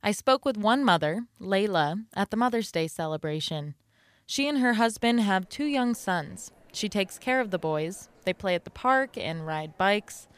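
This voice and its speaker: A woman radio reporter reading scripted news narration in an even, measured way. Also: mid-range voice.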